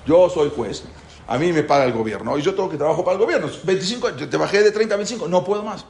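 A man voicing a stern male judge who refuses to lower the sentence further, speaking firmly and matter-of-factly. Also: expressive, very fast, creaky, a little mellow. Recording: roomy echo.

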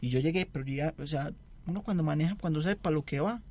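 Animated young man telling a story. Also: fairly high pitch, quick pace, slight background noise. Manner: rambling, animated storytelling with acted-out quotes. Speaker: guest storyteller. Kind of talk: casual chat.

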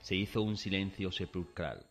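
A man from Spain narrating a first-person horror story in a measured, solemn way. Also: low-pitched. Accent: Spanish from Spain. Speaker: narrator and protagonist. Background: faint background music.

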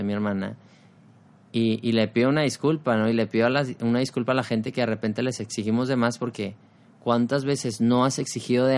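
A young man with a Mexican accent, hosting a relaxed motivational podcast in a casual, slangy way, often tagging his points with a questioning aside. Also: mid-range voice. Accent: Mexican Spanish. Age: young adult. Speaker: podcast host.

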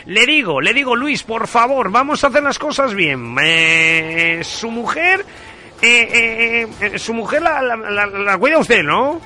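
A radio host making a live prank call, posing as an official and insistently repeating himself. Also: male voice, extremely high pitch, animated, unhurried, pushed and bright, soft background music.

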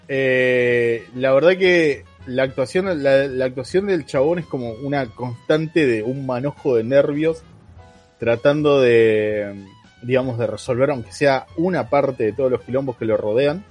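A man's voice: mid-range voice, a little slow, a little mellow, soft background music. Rambling Rioplatense man reviewing a film. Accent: Rioplatense Spanish. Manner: rambling, slangy, many fillers and restarts. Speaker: podcast co-host. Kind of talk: casual film review chat.

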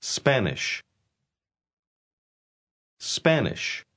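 Brief: American male drill speaker, deliberate and over-articulated, very lively intonation. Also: mid-range voice. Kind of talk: slow syllable-by-syllable pronunciation drill.

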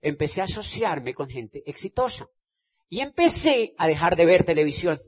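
A man's voice: a little high, big pitch swings, moderate pace, husky. A man giving an emphatic motivational stage talk, repeating phrases and checking that listeners understand. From Colombia. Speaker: motivational speaker. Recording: dull lo-fi sound.

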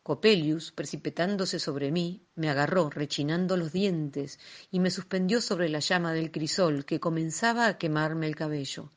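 Woman, low voice, audiobook narration, measured, expressive. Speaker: reader. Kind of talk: audiobook reading of a classic tale.

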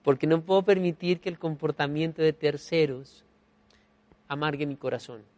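A man preaching a sermon, emphatic, swinging between soft and loud and repeating key phrases as refrains. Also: on the high side, normal speed, no echo. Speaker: pastor.

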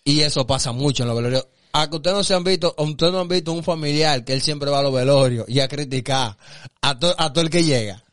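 Animated man telling stories. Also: a little high, quick pace, no echo, clean studio sound. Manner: animated storyteller, slangy, acts out quotes. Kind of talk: casual storytelling chat.

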